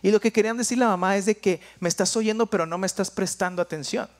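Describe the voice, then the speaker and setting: Mexican man preaching conversationally. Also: quick pace. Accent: Mexican, from Jalisco. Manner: conversational, playful, drops his voice low and quiet for asides. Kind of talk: sermon.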